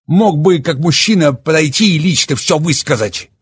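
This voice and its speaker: A man voicing a furious, bitter young man who shouts and sneers. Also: fairly high pitch, lively intonation, normal speed, husky, no echo, voice pushed up. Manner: shouting, raging, bitter sarcasm.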